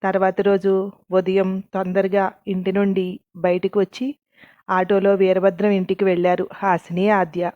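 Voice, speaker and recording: A woman narrating a story as a storyteller, reading in a steady, even way. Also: medium pitch, moderate pace, no echo, dull audio. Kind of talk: scripted narration.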